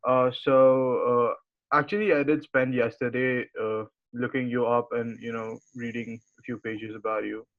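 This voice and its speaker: A man's voice: mid-range voice, little pitch movement, moderate pace. A young man interviewing over a video call, hesitant and full of filler sounds. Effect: heard over a video call. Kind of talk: casual interview chat. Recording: tinny video call audio.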